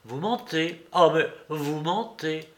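Man voicing cocky young clerk, sarcastic and needling, slow. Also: a little high. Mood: mocking. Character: insolent young male clerk, mocking and cold-hearted.

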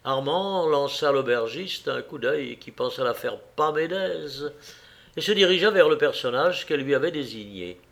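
Expressive male audiobook narrator. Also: a little high, normal speed, vocal fry. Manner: expressive, theatrical reading. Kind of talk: audiobook narration of a classic novel.

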